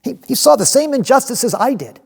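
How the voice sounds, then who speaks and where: An actor playing a passionate, restless disciple in a dramatic monologue, telling his story with halting, emphatic delivery and repeated words. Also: extremely high pitch, very animated, creaky, a little mellow, husky, full character voice. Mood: earnest, fervent. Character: passionate male zealot disciple, restless man of action, recalling Jesus.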